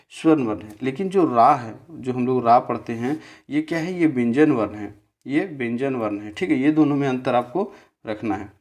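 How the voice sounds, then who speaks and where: A man teaching a grammar lesson over a slide, explaining step by step and often checking in with his listeners. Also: mid-range voice. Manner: slow, repetitive, checks in with "theek hai"; spells out syllables slowly.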